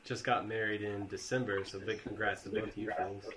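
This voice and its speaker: A man hosting a casual group chat on a stream, relaxed and joking. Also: on the low side, brisk, noisy background. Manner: relaxed, joking, laughs often. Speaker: show host.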